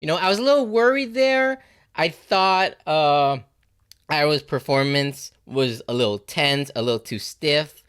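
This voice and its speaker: A man giving casual, animated reaction commentary on a TV episode, swearing freely and saying "like" and "you know" a lot. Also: a little high, measured pace, smooth. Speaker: reaction video host.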